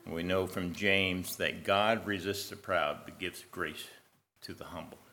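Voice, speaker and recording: A male preacher delivers a sermon in a low but bright, forceful voice. He tells stories with rising emphasis and acts out the people in them. His sentences build up in short bursts. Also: fairly even intonation, measured pace. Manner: storytelling with rising emphasis, voicing characters in a joke.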